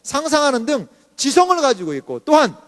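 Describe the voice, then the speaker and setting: A man's voice: very high-pitched, wildly swooping pitch, fairly quick, long reverb tail. A male pastor preaching a sermon in a chatty way, often asking the congregation questions.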